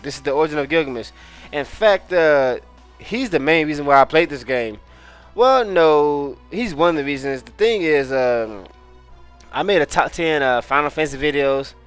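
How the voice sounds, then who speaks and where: A man's voice: on the high side, a bit bright, clear, resonant tone. A man giving casual let's-play commentary on a video game, rambling, correcting himself and swearing now and then. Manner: rambling, self-correcting, profane. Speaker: gamer, video host.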